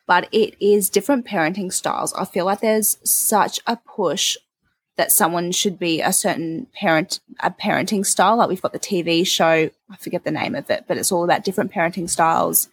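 Young mum podcaster, bit husky, blunt and emphatic, dry close sound. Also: female voice, lowish voice, a little fast, no echo. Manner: frank, emphatic, swears casually. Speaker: podcast co-host. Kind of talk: casual chat.

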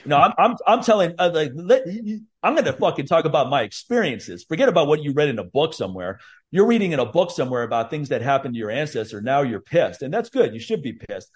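Husky, blunt, profane man. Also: on the high side, very animated, fast talker. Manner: blunt, profane, heated storytelling. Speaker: podcast host. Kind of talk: casual podcast chat.

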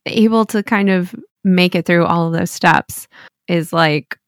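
A woman hosting a casual interview, reacting to her guest with short murmurs and quick exclamations. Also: on the low side, no echo, studio quality. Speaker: host.

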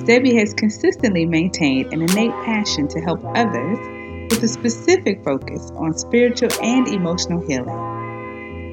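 A woman announcer delivers a scripted podcast introduction at a medium pitch. Music plays clearly behind her voice. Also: dull audio. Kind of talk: scripted promotional narration. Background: loud music.

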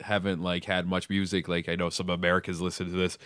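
Casual male podcast host from Canada, bright tone, dry close mic. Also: deep voice, completely flat delivery, fast talker, clear, resonant tone, no room sound. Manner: laid-back, swears casually, mimics voices in anecdotes. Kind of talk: casual chat.

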